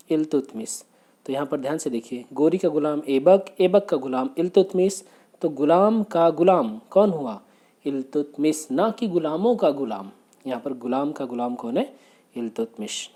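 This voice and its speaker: A man teaching exam prep, working briskly through quiz questions, asking rhetorical questions and repeating the answers. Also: fairly high pitch, mellow. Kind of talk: exam question walkthrough lecture.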